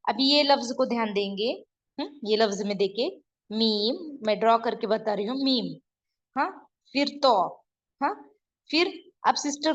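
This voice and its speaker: A woman teaching letter writing online, explaining patiently as she draws and often checking that her students follow. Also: fairly high pitch. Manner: patient, repeats and checks understanding. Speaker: online Urdu script teacher. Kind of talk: explaining while drawing letters on a board. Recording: dull lo-fi sound.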